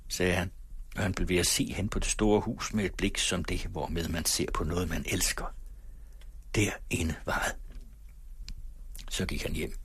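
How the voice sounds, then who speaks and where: Husky, low-voiced male storyteller. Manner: calm, measured storytelling. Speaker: narrator. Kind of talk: scripted narration of a story.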